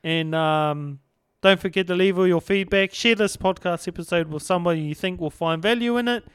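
A man's voice: high-pitched, fairly quick, clear, resonant tone, dry recording, clean studio sound. A man with a broad New Zealand accent in casual podcast chat, laid-back and colloquial as he hosts. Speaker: podcast host.

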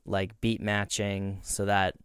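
Male co-host, slightly deep and smooth, relaxed podcast conversation. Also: slow pace, dry recording, clean studio sound. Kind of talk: casual podcast chat.

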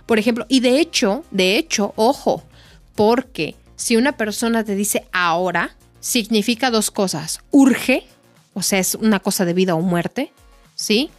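A young woman with a Mexican accent co-hosting a casual Spanish lesson podcast, telling animated stories. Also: measured pace, dry recording, soft background music. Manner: animated storytelling, acts out quotes in a high voice. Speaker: podcast co-host and Spanish tutor.

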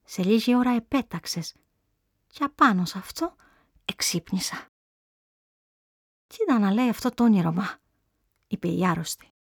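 A woman reading aloud plays an anxious older mother from Crete, talking eagerly and hopefully to her sick daughter. Her voice is mid-pitched and close, with a dry storybook-reading sound. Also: no echo.

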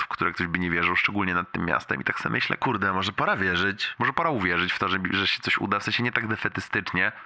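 A man's voice: low-pitched, sharp tone. A young man leaving a casual, rambling, sweary voicemail for a friend, amused and wincing in pain as he talks. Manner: rambling, colloquial, heavily sweary storytelling.

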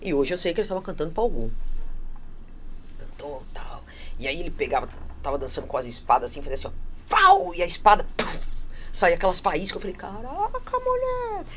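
A woman tells a story in a casual podcast chat, and she acts out the voices of the people she quotes. Her voice sits fairly low but swings widely in pitch. A faint hum of ambience sits behind her. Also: quick pace, pauses often. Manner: animated, acts out quoted voices, laughs often. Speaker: guest.

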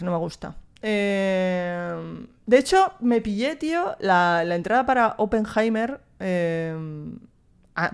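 A young woman with a Spain Spanish accent, hosting a casual podcast monologue in a chatty, slangy, mildly profane way. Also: fairly low pitch. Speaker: podcast host.

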